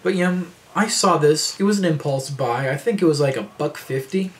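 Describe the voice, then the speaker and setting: A man's voice: fairly high pitch, moderate pace. A man in his thirties rambling casually to camera in a vlog, with lots of fillers and restarts. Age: 30s. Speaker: vlogger.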